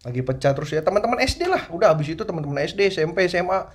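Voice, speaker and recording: A stand-up comedian in casual podcast chat, recounting how friends and relatives reacted, in a relaxed, rambling way. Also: male voice, a little high, rapid-fire.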